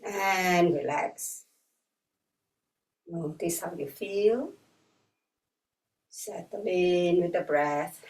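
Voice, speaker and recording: A woman guiding an online breathwork and yoga class in an unhurried, gently instructive way. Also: on the low side. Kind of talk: guided online class instruction, with chanted mantras. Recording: roomy echo, distant from the mic.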